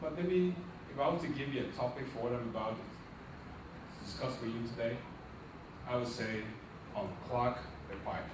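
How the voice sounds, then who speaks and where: With a medium-pitched voice at normal speed, a middle-aged Liberian nonprofit founder gives a preacherly, motivational launch speech, engaging the crowd with questions and rising to emphatic peaks. The sound is distant, echoey and noisy, captured in a large event hall.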